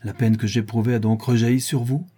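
A man playing a bitter young peasant hunter in an audiobook, low and sombre. His voice is dark and husky with a brooding edge. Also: steady tone, fairly quick, natural voice.

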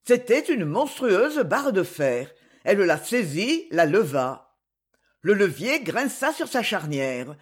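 A woman reads a dramatic novel aloud, theatrical and measured. Her voice is husky and rises and falls vividly, and she takes her time over every phrase. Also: medium pitch, big pitch swings. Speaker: audiobook narrator.

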